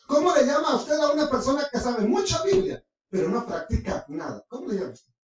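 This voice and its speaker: A preacher delivers a sermon with a prayer, pitch leaping up and down through one pointed question after another. The voice is far from the mic, in a room with heavy, booming echo. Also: big pitch swings, brisk. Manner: asks the congregation rhetorical questions, swinging pitch widely. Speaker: preacher teaching scripture.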